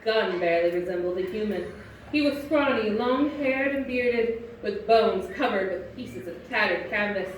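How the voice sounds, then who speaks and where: A woman narrating a live stage show, telling the story in a steady way. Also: medium pitch, moderate pace, a little hiss or hum. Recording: echoey hall from far off, loud music behind.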